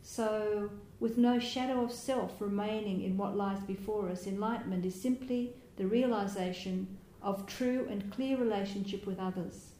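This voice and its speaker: A woman meditation teacher delivers a dharma talk in a gentle, reflective way, pausing to find her words. Her voice sits at an ordinary middle pitch. The recording carries a roomy echo and a faint hiss of background noise. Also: steady tone. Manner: gentle, reflective, with soft laughs and hesitations.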